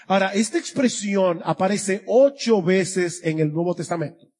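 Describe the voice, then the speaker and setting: A man's voice: high-pitched, moderate pace, a little mellow. A man preaching an expository sermon to his congregation, earnest, with a voice that swells and drops for emphasis. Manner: earnest, rising and dropping for emphasis. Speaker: pastor.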